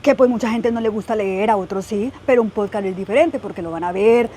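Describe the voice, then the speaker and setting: A woman's voice: medium pitch, a little fast, warm tone, slight background noise. A young woman telling her personal story in a podcast interview, earnest and full of "eh" and "pues" fillers. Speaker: guest sharing her testimony.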